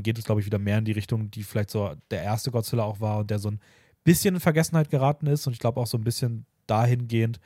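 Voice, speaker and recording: Man, podcast host, quick rambling chat, dry close sound. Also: fairly low pitch, mellow, no echo. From Austria. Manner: rambling, many fillers and restarts. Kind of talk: casual chat.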